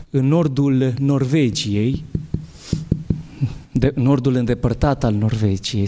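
A man, an Orthodox bishop, giving a spiritual talk and answering questions in an animated, halting way with many restarts. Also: mid-range voice, long reverb tail.

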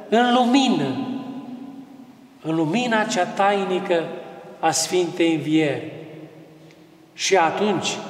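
A man preaching a slow, solemn sermon as an Orthodox priest, quoting hymns. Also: fairly high pitch. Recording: roomy, echoing, far from the mic.

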